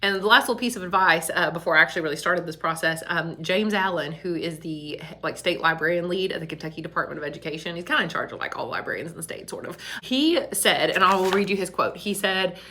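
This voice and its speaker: In an empty back storage room that makes her voice echo, a woman school librarian laughs a lot during a casual video chat. Her voice is lowish and sharp, and she talks fast with few pauses.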